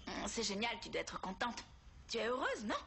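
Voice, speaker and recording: A woman playing a warm, curious young confidante in a French-dubbed telenovela. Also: fairly high pitch, sing-song, moderate pace, vocal fry, a little hiss or hum, full character voice. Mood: curious, gentle. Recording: background music under dialogue.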